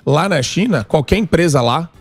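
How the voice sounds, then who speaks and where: A man's voice: fairly high pitch, lively intonation, normal speed, breathy edge, faint music behind. A man explaining politics at length on a casual panel show, in a lecturing way.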